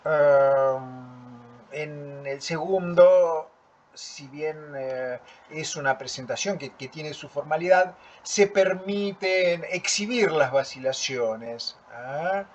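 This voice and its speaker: A man, teaching a lecture in a slow, deliberate manner and often checking in with "¿sí?". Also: on the high side. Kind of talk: lecture reviewing student work. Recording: dull lo-fi recording.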